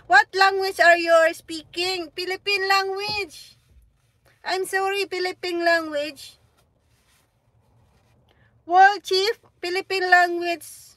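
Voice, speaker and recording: A woman's voice: very high-pitched, level tone, slow, pauses often, fairly bright tone, no echo. A woman hosting a livestream, chatting casually, teasing viewers and giggling as she reads their comments aloud. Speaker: livestream host.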